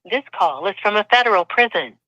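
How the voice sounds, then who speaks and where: A woman's voice: mid-range voice, a little fast, dry recording. Automated woman's voice over a phone speaker. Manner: flat recorded system prompts. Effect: heard over a phone speaker. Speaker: automated prison phone announcer. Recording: dull lo-fi phone line.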